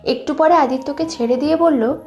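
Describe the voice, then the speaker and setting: Soft music plays beneath a woman's high voice as she narrates a scripted romance story at a fairly quick pace.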